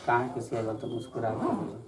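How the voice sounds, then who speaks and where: A man's voice: medium pitch, big pitch swings, fairly quick, recorded from a distance, very noisy. A young man with a Bhojpuri accent coaxing and pleading with his wife in a village comedy sketch. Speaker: husband leaving for work.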